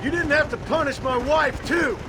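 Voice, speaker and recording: An actor playing a weary, defiant former outlaw in a Western game, curt, dry and folksy. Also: male voice, extremely high pitch, moderate pace, over music. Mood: angry. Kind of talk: video game acting. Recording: clear horse and outdoor noise. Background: hoofbeats, outdoor ambience.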